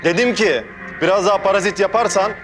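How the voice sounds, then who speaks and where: An actor playing a rough young thug who makes threats, in a TV drama. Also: male voice, sits high, fast, natural voice. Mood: menacing. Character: menacing young thug, errand man. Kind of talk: TV drama acting. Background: background music.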